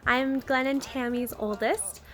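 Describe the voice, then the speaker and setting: A woman's voice: sits high, fairly even intonation, measured pace. A woman in her twenties introducing herself in a friendly, casual way for a family greeting video. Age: 20s. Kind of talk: self-introduction.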